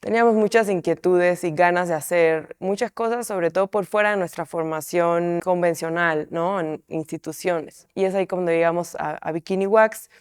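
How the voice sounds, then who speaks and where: A woman's voice: on the low side, fairly even intonation, normal speed, few pauses, clear, resonant tone, dry recording, clean studio sound. A woman, an artist, explaining a piece in an interview in a reflective way, often tagging her sentences with questioning asides. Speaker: artist in a collective.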